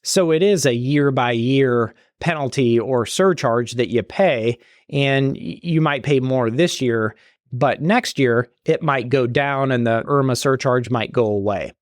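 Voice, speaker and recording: A man's voice: medium pitch, a little slow, no room sound, clean studio sound. Chatty man hosting a retirement podcast. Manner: conversational, explanatory, with frequent restarts and asides. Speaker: podcast host and retirement planner. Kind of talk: solo podcast explaining listener questions.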